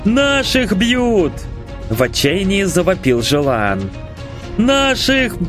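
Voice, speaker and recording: A man's voice: fairly high pitch, big pitch swings, moderate pace, soft background music, pitched above the performer's own voice. A man voicing a frightened loutish male peasant brawler who whines and pleads. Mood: desperate. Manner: whining, pleading.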